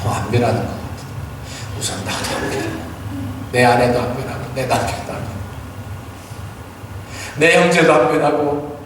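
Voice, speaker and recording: Korean pastor preaching in an echoing sanctuary. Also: male voice, fairly high pitch, a bit bright, a little hiss or hum. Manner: earnest, exhorting, rhetorical questions. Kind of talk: Sunday sermon with storytelling. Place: church sanctuary. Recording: church hall reverb, distant mic.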